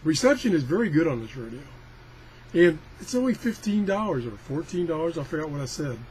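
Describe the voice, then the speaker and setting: Very animated and a little fast, this older man's fairly high, darkish voice carries a casual product demo. As a reviewer he rambles, grumbles and jokes at his own expense in a folksy way, on a clearly noisy amateur recording.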